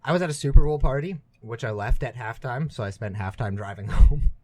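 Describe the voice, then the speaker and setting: A man's voice: mid-range voice, animated, brisk, mellow. A young man co-hosting a podcast in casual chat, joking around with frequent restarts. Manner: jokey, hesitant restarts. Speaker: podcast co-host.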